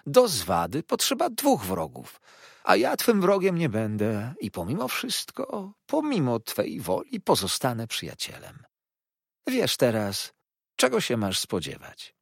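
A man voicing a sly, falsely humble young male clerk who talks softly, slowly and wheedlingly. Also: a little high, vocal fry, breathy edge, no echo, clean studio sound, voice pushed up, exaggerated voice. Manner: soft, slow, wheedling.

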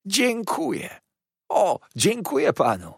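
Casting note: a syrupy, groveling young clerk, sly and falsely humble, pitched high and pushed loud, read by a man in a storybook reading. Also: very animated, unhurried, dry recording, studio quality. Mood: fawning. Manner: sugary, wheedling, obsequious.

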